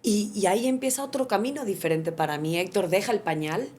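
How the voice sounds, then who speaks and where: A woman's voice: mid-range voice, brisk. A woman, a mother telling her own story in an interview. She speaks earnestly and with animation. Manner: earnest, animated, often acts out what others said. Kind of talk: candid personal storytelling.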